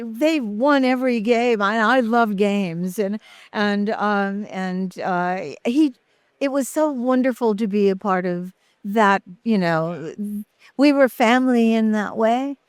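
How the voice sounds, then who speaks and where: An older woman talks as a guest in a casual interview, pausing often and restarting her sentences. Her voice is clear and smooth, recorded close in a dry space with no room sound. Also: on the high side, no room sound. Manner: halting, many fillers and restarts.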